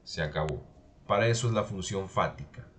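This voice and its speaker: Low-voiced man teaching a class. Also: a little fast, a bit bright, a little hiss or hum. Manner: explanatory, checks in with "¿sí?" often. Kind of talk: recorded class lecture.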